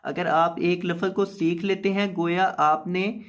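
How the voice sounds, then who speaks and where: Teacher alternating quick explanation with chant. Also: male voice, sits high, fairly even intonation, lo-fi sound. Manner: explains quickly, then draws out words slowly; melodic chanted recitation. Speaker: Quran teacher. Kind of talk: word-by-word recitation lesson.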